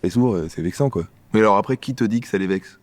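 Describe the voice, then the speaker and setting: A man acting out a bickering comedy sketch dialogue, trading quick lines between two characters. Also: on the low side, dry recording.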